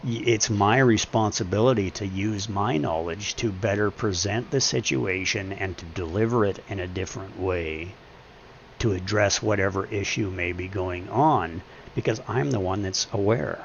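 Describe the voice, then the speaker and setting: Deep-voiced man rambling earnestly. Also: normal speed, creaky, dull audio, slight background noise. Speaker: live streamer. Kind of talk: casual reflective monologue.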